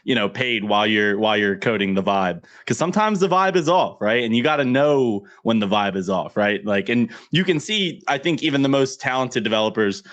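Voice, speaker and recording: A man's voice: mid-range voice, big pitch swings, brisk, few pauses, a bit bright. A man with a New Jersey accent hosting a casual livestream, playful and joking as he hypes up his guests over a video call. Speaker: livestream host.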